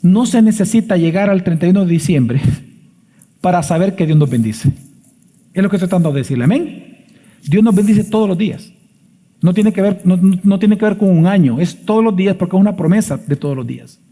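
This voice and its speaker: A man's voice: high voice, animated, fairly quick, dark tone. A man, a pastor preaching an emphatic sermon full of rhetorical questions in a church sanctuary. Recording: long church reverb.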